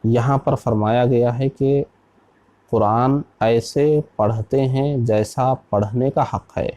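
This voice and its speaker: A man, an Islamic scholar from India, giving a slow, deliberate religious lesson on Quran recitation and spelling out letters one by one. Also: mid-range voice, fairly even intonation, warm tone.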